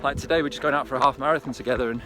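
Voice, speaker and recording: A medium-pitched, steady-toned man races through his words while running outdoors on a reservoir-side hillside trail. Music plays behind his casual, encouraging vlog chat with viewers.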